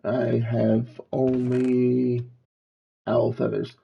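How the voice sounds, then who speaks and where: A man streaming a video game, slowly talking himself through what he is doing in casual commentary. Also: mid-range voice, completely flat delivery, gravelly, husky, highs cut off. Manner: slow, musing, talks to himself while playing.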